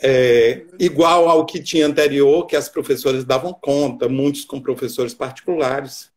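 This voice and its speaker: A man with a Brazilian Portuguese accent, a guest expert on child literacy, explaining patiently in a live stream chat with frequent pauses. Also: mid-range voice, fairly even intonation.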